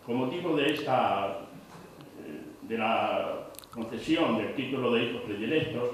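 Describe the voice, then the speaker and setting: A man's voice: medium pitch, slight background noise. A man in the audience, recalling personal memories in a reflective, hesitant way. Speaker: audience member. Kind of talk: personal reminiscence. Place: cultural centre hall. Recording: very echoey hall, distant mic.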